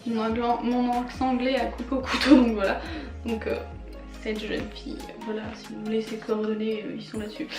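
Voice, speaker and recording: Young woman vlogger, high bright voice, gushing and chatty, echoey home room with faint music. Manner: chatty, enthusiastic, frequent fillers and laughs. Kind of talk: casual haul vlog.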